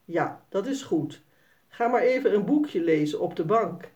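A woman voicing a caring mother who gently bosses and teases the children. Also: medium pitch, animated, measured pace, distant mic, close to an everyday voice. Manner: gently bossy, teasing. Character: caring, playful mother of a young girl.

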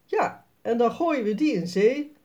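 A woman voicing an excited little girl in a children's story, squealing and eager. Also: fairly high pitch, measured pace, muffled recording, pitched above the performer's own voice.

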